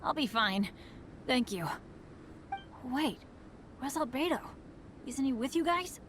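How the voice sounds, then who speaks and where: A high-voiced, plucky teen adventurer boy, always cursed with bad luck. He stumbles over his words and puts himself down, with faint ambient sound behind him in the game scene. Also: lively intonation, slow, background noise. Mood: reassuring. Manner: stammers and turns self-deprecating. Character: young teen adventurer boy, cheerful but unlucky. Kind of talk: video game voice acting.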